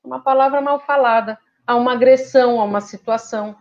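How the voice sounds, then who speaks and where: A woman's voice: a little high, brisk. Lady giving a spiritual talk, chatty, keeps asking questions, kinda dull muffled audio. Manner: conversational, asks rhetorical questions. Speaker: spiritist speaker. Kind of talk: devotional talk.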